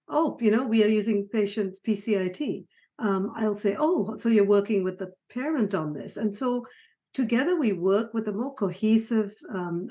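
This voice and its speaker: A middle-aged woman from Sri Lanka, a psychiatrist guest on an interview, talking warmly with frequent laughs and restarts. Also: medium pitch. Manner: warm, laughing, many restarts. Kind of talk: conversational interview.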